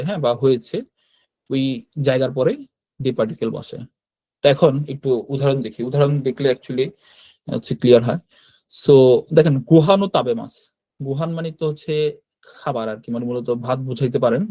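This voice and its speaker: A man's voice: medium pitch, a little mellow, no room sound. A man teaching a Japanese grammar lesson, explaining step by step and often checking in with short tag questions. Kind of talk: classroom-style grammar lesson.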